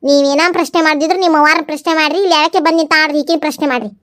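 A woman voicing a fierce, rough-spoken village mother in a comedy skit, with a North Karnataka Kannada accent. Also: sits high, fairly even intonation, racing, a bit bright, no echo, clean studio sound. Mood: accusing. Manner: gruff, accusing, rough-spoken.

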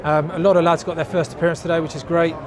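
A man in his thirties, a rugby club captain, giving a post-match interview in a stadium stand, measured and thoughtful with many fillers. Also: a little high, little pitch movement. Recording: outdoor stadium with crowd noise. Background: crowd murmur.

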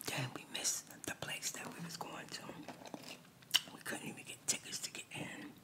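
A woman whispering a chatty story, ASMR style, while doing a word search at a table and addressing the listener as child. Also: moderate pace. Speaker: ASMR creator.

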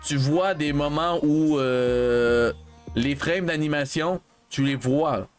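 A man's voice: a little high, takes it slowly, faint music behind. A man with a Québécois accent chatting casually while streaming a game and telling a rambling story. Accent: Québécois French. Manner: rambling storyteller, lots of filler and restarts. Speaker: let's play streamer. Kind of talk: casual chat while gaming.

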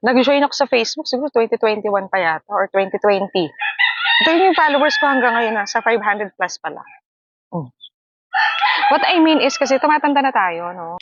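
A woman vlogging outdoors in casual chat, chatty and laughing with sudden high squeals. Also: expressive, fairly quick, a bit bright, muffled recording. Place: outdoors by a hammock. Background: wind.

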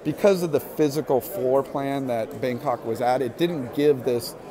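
A man's voice: medium pitch, moderate pace. Man touring a busy expo floor. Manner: relaxed, filler-heavy enthusing. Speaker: expo floor walk-through guide. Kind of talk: casual walk-and-talk narration. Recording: crowd chatter from a busy hall.

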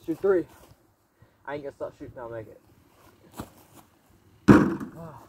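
A young man with a mid-range voice chats to his phone while shooting baskets outdoors. Wind noise rushes clearly across the recording. He sounds casual and loose, reacting aloud to makes and misses. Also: mid-range voice, expressive, mellow. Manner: chatty, exclaims at missed shots. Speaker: vlogger. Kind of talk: casual self-filmed commentary. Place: outdoor backyard court on a windy day. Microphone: phone camera set at a distance.

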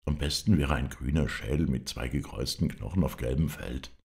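A man's voice: extremely low pitch, moderate pace, vocal fry, darkish tone. A man voicing a talkative, teasing young English lord in a storybook reading. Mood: chatty.

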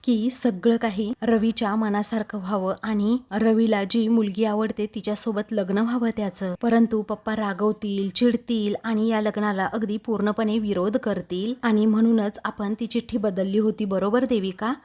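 A woman's voice: medium pitch, steady tone, moderate pace, hardly any pauses, mellow, natural voice. A woman quoting a remorseful young husband.

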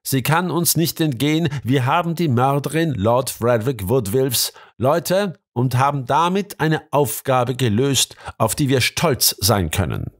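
A man's voice: mid-range voice, lively intonation, measured pace, hardly any pauses. A man voicing a proud, commanding police prefect in a storybook reading, barking orders. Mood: triumphant.

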